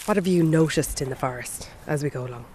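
A woman delivers a radio report. Her voice is markedly low, with faint noise in the background. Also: fast. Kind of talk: radio report narration and questions.

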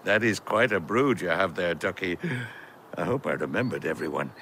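A man's voice: low voice, lively intonation, moderate pace, a little hiss or hum. A man voicing a kindly, cheerful old talking stone wall who greets the animals in a cartoon. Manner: warm, cheerful, gently amused.

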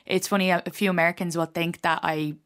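A woman in her thirties with an Irish accent, a comedian chatting as a radio guest, self-mocking and quick to laugh. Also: on the low side, level tone, fairly bright tone. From Ireland. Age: 30s. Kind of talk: casual radio interview chat.

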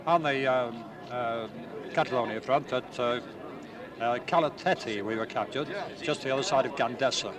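An older man, born in Ireland and raised in England, telling an interviewer about his wartime past in a plain, unhurried way with small hesitations. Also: mid-range voice. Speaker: war veteran interviewee. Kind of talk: recalling memories in an interview. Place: outdoors at a busy city gathering. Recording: distant mic, crowd noise behind.

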